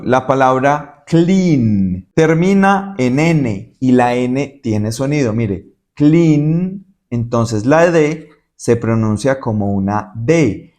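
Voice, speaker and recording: A man's voice: medium pitch, darkish tone. A man teaching English in Spanish, explaining patiently and repeating example words to demonstrate pronunciation. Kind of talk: Spanish-language English lesson.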